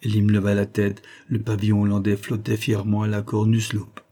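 A man reads a classic novel aloud in audiobook narration, with an even, storytelling flow. His voice is dark and mellow, with a husky grain, at a middle pitch. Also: brisk.

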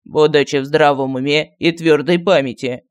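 A sarcastic magic medallion, voiced by a man, practical and fond of needling people. Its voice sits a bit high with a strange timbre. Dry, teasing delivery for an audiobook. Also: fairly even intonation, normal speed, clean tone, no room sound, lightly acted. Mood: mocking. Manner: mocking and dry. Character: sarcastic talking male medallion, practical and cheeky.

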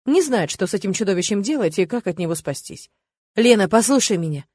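A woman narrating a first-person audiobook with steady, expressive storytelling. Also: medium pitch, fast talker, husky, no room sound.

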